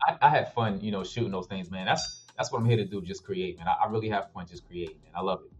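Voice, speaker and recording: An actor and filmmaker chats casually in an interview about his projects, laid-back and slangy. He talks fast in a low voice, with the highs cut off and faint music playing behind him.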